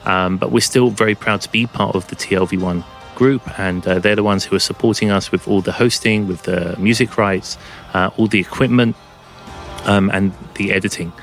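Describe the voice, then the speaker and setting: Low-voiced man hosting a music podcast. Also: steady tone, moderate pace, fairly bright tone. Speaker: podcast host and DJ. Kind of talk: music show presenting, casual talk. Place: at home under a blanket.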